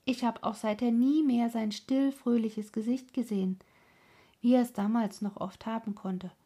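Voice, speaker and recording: A woman reading a story aloud with calm, measured narration. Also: fairly high pitch, breathy edge. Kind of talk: audiobook narration.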